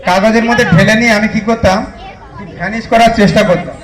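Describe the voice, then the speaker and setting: With a high voice, fairly even intonation and a quick pace, a West Bengal-accented stage magician delivers live patter at a club function, chatting with the crowd like a kids party entertainer. Crowd noise, echoey PA sound and music fill the background.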